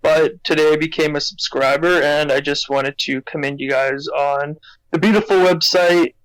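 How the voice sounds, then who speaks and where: A young Canadian man leaves a friendly, enthusiastic voicemail for a podcast he listens to, rambling along with plenty of fillers. His voice sits on the high side, bright, clear and resonant, with fairly even intonation at a normal pace. The recording has no echo but is low in quality.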